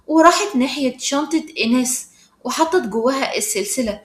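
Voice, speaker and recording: A woman with an Egyptian accent narrating a storybook tale in a brisk, dramatic way. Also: high-pitched, animated, echoey room. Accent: Egyptian Arabic.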